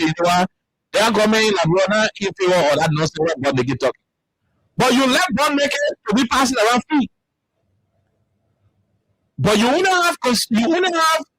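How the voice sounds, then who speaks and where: A man's voice: sits high, a bit bright, no echo, low-quality recording. A man with a Liberian English accent, hosting a heated political panel talk and repeating words as he presses his points. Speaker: talk show host.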